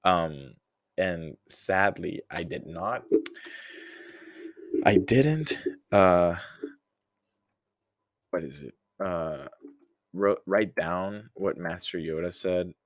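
A young man in his early twenties with a very low voice talks through a casual solo podcast. He takes his time, rambling with sighs and small laughs. The recording is close and dry, with no room sound. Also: drawn-out words, long pauses, dry recording. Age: early 20s. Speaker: podcast host.

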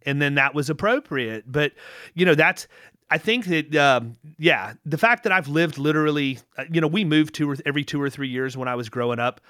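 A middle-aged man with a somewhat high, bright and forceful voice talks casually, spinning rambling anecdotes full of restarts. His voice is recorded close and dry, with no room sound. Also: a little fast, no room sound. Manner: rambling, anecdotal, with restarts and lively quoted dialogue. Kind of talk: casual conversational storytelling.

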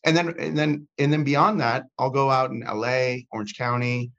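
A man's voice: medium pitch, steady tone, normal speed, a bit bright, highs cut off. A man talking as a podcast guest in casual chat, rambling and restarting with many fillers. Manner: rambling, self-interrupting, frequent fillers. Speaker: podcast guest, comedy content creator.

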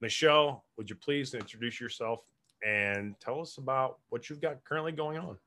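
A man's voice: medium pitch, normal speed, pushed and bright. A man hosting a podcast, reading an introduction and then interviewing a guest in an earnest manner, often speeding up. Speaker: podcast host.

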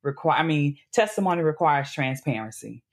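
A woman's voice: sits low, expressive, a little fast. A woman guest speaking earnestly, building to a preacherly cadence as she talks about faith. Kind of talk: candid faith-based interview talk.

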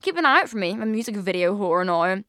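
Fast-talking and swinging widely in pitch, a twenty-something woman rambles through her casual solo podcast, full of fillers and swearing. Her medium-pitched voice sounds pushed and bright. She records on a studio mic, with no room sound.

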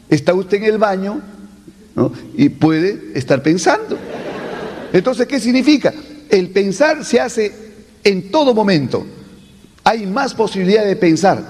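A man's voice: high voice, darkish tone. A man teaching an oratory class, posing rhetorical questions and answering them with emphasis. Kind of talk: classroom lecture. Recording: long hall reverb.

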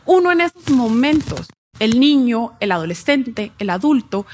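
A woman psychologist giving a talk at a live event, acting out little parenting examples as she explains. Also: a little high. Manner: acts out parent and child voices in examples. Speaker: guest educational psychologist.

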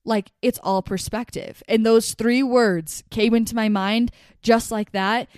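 A young woman hosting her own podcast, talking excitedly and rambling with lots of "like" fillers. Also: fairly high pitch, a little slow, clean tone, no room sound, clean studio sound. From New York. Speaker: podcast host. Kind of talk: casual solo podcast talk.

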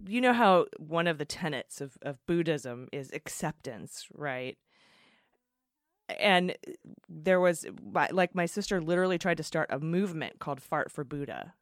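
A woman co-hosting a casual podcast, talking in a soft, hesitant way with frequent uhs and restarts. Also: low voice, lively intonation, moderate pace, no room sound, clean studio sound. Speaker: podcast co-host.

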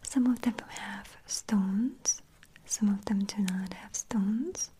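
Slow whispering woman, ASMR shopkeeper. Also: medium pitch, a little hiss or hum. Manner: soft unvoiced whisper, unhurried sales talk.

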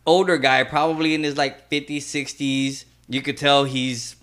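Mid-pitched man telling casual, rambling stories. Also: level tone, normal speed, a bit bright. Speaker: podcast co-host. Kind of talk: casual chat and anecdotes.

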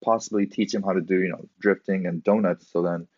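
Man, from southern california, relaxed storyteller, low voice, muffled mic. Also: a little fast, dry recording. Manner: relaxed, laughing anecdotes, acts out quotes. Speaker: guest, professional drift driver. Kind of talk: casual podcast storytelling.

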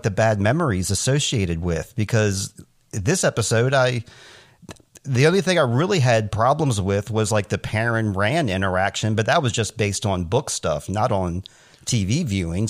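A man co-hosting a podcast, talking in a chatty, rambling way with lots of fillers. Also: mid-range voice. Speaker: podcast co-host. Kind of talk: casual podcast chat.

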